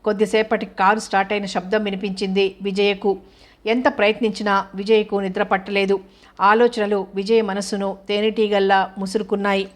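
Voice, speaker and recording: Flat-voiced woman narrating a novel. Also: mid-range voice, a little fast.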